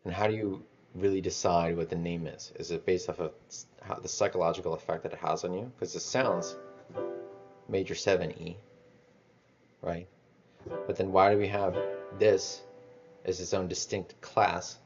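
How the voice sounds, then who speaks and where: A man rambling in a casual monologue about music theory, halting and restarting as he thinks aloud. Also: low-pitched, steady tone, highs cut off. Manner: musing, halting, many restarts and swearing.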